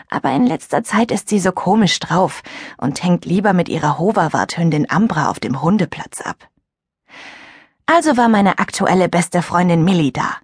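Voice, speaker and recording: A woman narrating a youth audiobook in the first person, chatty and expressive. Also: on the low side, breathy edge, no room sound, studio quality.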